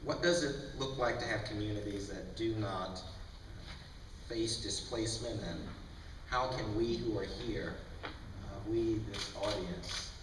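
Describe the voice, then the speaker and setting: A man's voice: lowish voice, measured pace. Preacher-style guy moderating, calls out to the crowd, distant mic, big echoey room. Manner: preacherly, call-and-response asides. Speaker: moderator, reverend. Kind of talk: panel moderation. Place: large hall at a breakfast event. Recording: echoey hall from far off, background noise.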